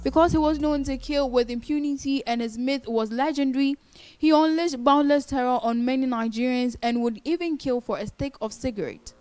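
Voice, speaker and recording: A woman giving a steady scripted documentary narration, read aloud in an even delivery. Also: high voice, a little fast, no echo. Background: background music.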